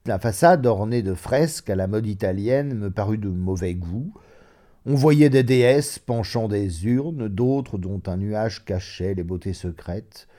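A man narrating a classic short story in an expressive, measured reading. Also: lowish voice.

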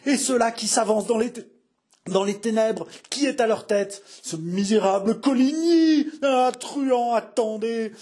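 A man voicing a young, anguished king whose fearful talk climbs into frantic, raving shouts. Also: normal speed, husky. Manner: rises to frantic high shouting.

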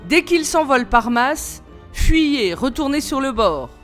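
A grown fisherman from a storybook calls out firm, urgent warnings, voiced by a woman reading aloud. He speaks louder and more insistently than the narration. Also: high voice, animated, a little slow, soft background music, voice pushed up.

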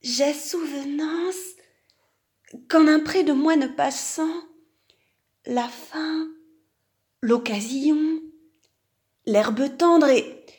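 A humble, naive donkey confesses in a high, hesitant voice, as a woman reading a storybook fable voices him. He stretches his words out slowly and sheepishly. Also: darkish tone.

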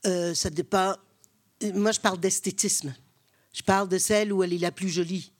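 A woman's voice: lowish voice, steady tone, normal speed. A woman with a Québécois accent, an acting coach, answering interview questions on stage in a blunt, frank way. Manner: blunt, frank, acts out quoted exchanges. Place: theatre stage with live audience.

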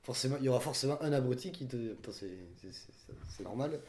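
A man in his twenties from southern France, answering interview questions in a relaxed, chatty way with frequent restarts. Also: mid-range voice, fast, slight background noise. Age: 20s. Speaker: young worker interviewee.

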